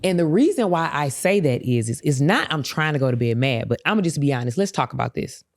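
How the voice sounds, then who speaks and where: A woman co-hosting a casual couples podcast, talking in an animated, laughing way and often slipping into playful quoted voices. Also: low voice, fairly quick, no echo. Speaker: podcast co-host.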